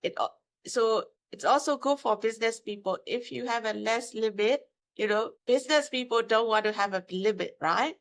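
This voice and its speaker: A Burmese-speaking woman from Myanmar in her fifties, a mortgage broker appearing as a guest, gives casual interview answers. Her voice is slightly high and her speed normal, and she speaks broken English with hesitations and emphatic tag questions.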